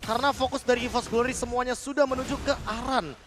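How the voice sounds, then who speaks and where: A man's voice: very high-pitched, fairly even intonation, quick pace. A man with an Indonesian accent explaining tactics as an analyst during live esports commentary. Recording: loud music behind the voice. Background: music.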